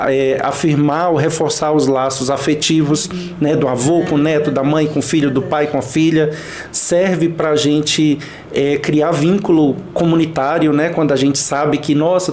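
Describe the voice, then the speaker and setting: A man's voice: fairly high pitch, a little mellow, a little hiss or hum. A man reflecting in a podcast conversation, hesitant and searching for words.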